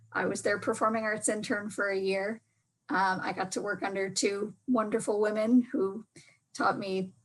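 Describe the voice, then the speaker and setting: Woman arts administrator, husky voice, modest and steady, panel guest on a video call. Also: mid-range voice, poor audio. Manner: steady and modest, frequent ums. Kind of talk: casual panel discussion.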